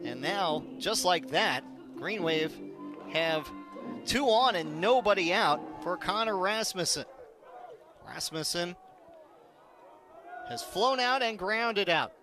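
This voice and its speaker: With music in the background, a high-voiced American play-by-play announcer calls baseball live on the radio. His narration is measured and detailed, rising easily into excitement when the action heats up.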